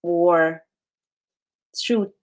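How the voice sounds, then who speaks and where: A woman coaching in a measured, instructional way, leaving pauses as she guides a relaxation exercise. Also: on the low side. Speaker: relaxation and mental fitness coach.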